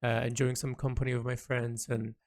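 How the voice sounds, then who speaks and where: A man with a mid-range, darkish voice and little pitch movement speaks an unscripted, reflective audio log as an illustrator and storyteller. He halts often, searching for words and repeating himself.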